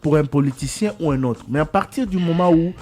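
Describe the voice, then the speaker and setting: A man's voice: a little high, brisk, a little mellow. A man, a radio journalist explaining his view in a studio debate and slipping into Lingala phrases. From Congo.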